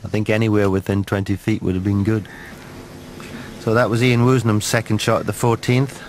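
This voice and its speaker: A man's voice: on the low side, flat delivery. Terse male golf commentator, noisy broadcast ambience. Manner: terse, measured, clipped phrases. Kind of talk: live shot-by-shot golf commentary.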